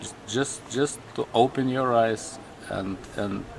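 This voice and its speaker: A man from Lithuania with a Lithuanian accent, a native Lithuanian speaker, telling his story in an interview in slow, halting English full of restarts. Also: medium pitch, vocal fry, noisy background. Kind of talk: personal interview.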